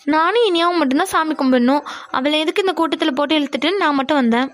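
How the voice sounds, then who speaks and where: A woman's voice: high voice, fast talker, lightly acted. A woman voicing a cheeky young cartoon woman who teases playfully. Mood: teasing.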